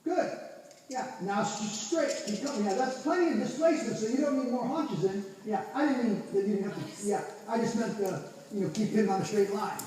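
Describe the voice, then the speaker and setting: Guy with a really high voice coaching a rider, calling stuff out way off in a big echoey barn. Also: fairly quick, a little mellow. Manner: calling out short encouraging instructions and counts. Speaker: riding instructor. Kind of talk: live coaching during a horse riding lesson. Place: large indoor riding arena. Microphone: distant camera at the arena edge. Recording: echoey hall from far off, faint noise.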